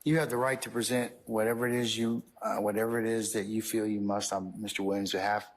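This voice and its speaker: Low-voiced man ruling from the bench. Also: level tone, quick pace. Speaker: judge. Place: courtroom.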